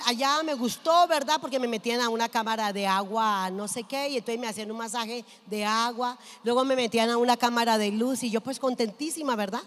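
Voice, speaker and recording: A woman pastor with a slightly high, somewhat bright voice preaches a sermon in a large church hall with long reverb, telling a personal story and asking the congregation questions.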